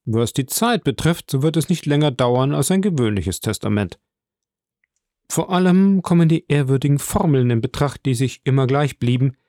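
A man's voice: medium pitch, darkish tone, dry recording, studio quality, close to an everyday voice. Man reading as eager wordy notary. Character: eager, wordy middle-aged male notary.

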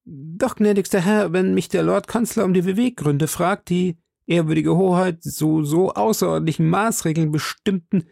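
A man's voice: sits high, moderate pace, gravelly, few pauses, darkish tone, dry recording, studio quality, voice pushed up. A man reading an audiobook, voicing a polite, cautious court secretary who questions his master deferentially.

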